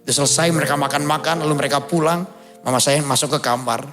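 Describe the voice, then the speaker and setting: A pastor, preaching with animated storytelling and loud, high bursts of emphasis. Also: male voice, quick pace. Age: 50s. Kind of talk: sermon. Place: large church hall.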